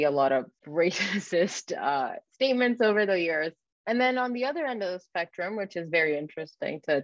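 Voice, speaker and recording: A low-pitched woman in her twenties from Egypt, an early-career academic researcher, is a guest answering interview questions in an informal, reflective, conversational way. The recording is dry, with the high frequencies cut off.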